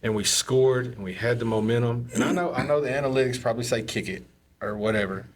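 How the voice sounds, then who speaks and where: Husky man telling football stories. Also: mid-range voice, quick pace. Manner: animated, laughs while telling stories. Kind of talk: casual chat.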